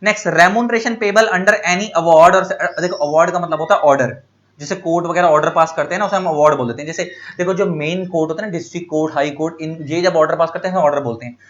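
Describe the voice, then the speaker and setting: A male law teacher talks through the lecture at a rapid clip, in a voice a little higher than most men's. He explains each term with everyday examples and keeps circling back to the main point. The recording is dull and lo-fi. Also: a bit bright. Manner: conversational, repeats key points, gives everyday examples. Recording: dull lo-fi audio.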